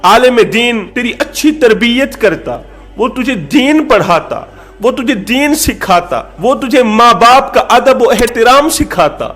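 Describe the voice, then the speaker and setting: A preacher voicing a stern, wise judge who rebukes and instructs. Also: male voice, very high-pitched, expressive, fairly bright tone, pitched above the performer's own voice.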